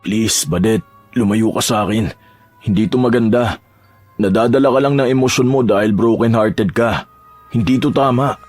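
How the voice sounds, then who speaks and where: A man's voice: fairly low pitch, normal speed, a little mellow, faint music behind, close to an everyday voice. A man playing a needy, pleading boyfriend. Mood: resisting. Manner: pleading, sulky.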